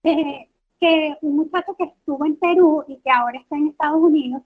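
A woman's voice: sits high, fairly quick. A woman with a coastal Caribbean Venezuelan accent, close to coastal Colombian, talking through her opinions casually as a podcast guest on a thin phone-like line. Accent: Venezuelan, coastal Caribbean, sounding like coastal Colombian. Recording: thin, phone-like call audio.

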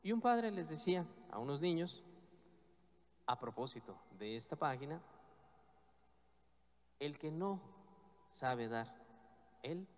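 A man, a priest, reading the Gospel and preaching a homily in measured, emphatic phrases with slow stressed words. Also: a little high, animated. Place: church. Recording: long church reverb.

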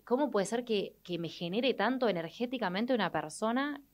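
A young adult woman with an Argentine accent, telling a personal story in an expressive way and acting out the people she quotes. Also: a little high, moderate pace, dull audio. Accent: Argentine Spanish. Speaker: guest. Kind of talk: animated storytelling in conversation.

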